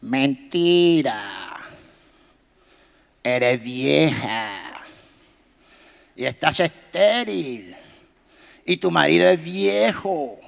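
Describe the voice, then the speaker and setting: A preacher doing a low sly devil voice, slow and sneering, echoey hall. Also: male voice, animated, creaky, full character voice. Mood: taunting. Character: sly deceiving devil, male, taunting.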